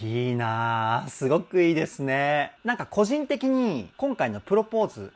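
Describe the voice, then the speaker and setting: A man working as a vocal coach, giving an enthusiastic, explanatory analysis of a song. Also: medium pitch. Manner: enthusiastic, explanatory, breaks into sung demonstrations. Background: faint song playing.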